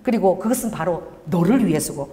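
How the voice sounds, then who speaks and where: A woman's voice: on the low side, brisk. An older woman pastor preaching a sermon, calling for responses from the congregation. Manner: call-and-response preaching, animated. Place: church sanctuary. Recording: church hall reverb.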